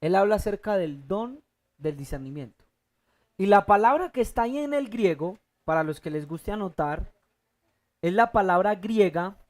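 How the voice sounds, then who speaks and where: A preacher teaching a Bible class speaks in an animated, mid-pitched, darkish voice. He thinks aloud with halting restarts, poses fill-in questions to the congregation in call-and-response fashion, and slowly repeats key words.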